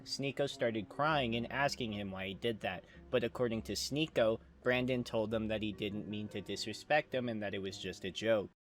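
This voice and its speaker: A man at an ordinary middle pitch narrates a scripted recap of an internet feud. His delivery is measured and steady, and he drops in his own opinions along the way. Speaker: commentary YouTuber.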